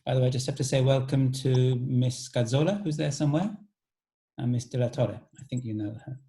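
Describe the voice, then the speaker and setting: A man's voice: medium pitch, fairly quick, dark tone. A man hosting an alumni talk over a video call, casually inviting each former student to introduce themselves.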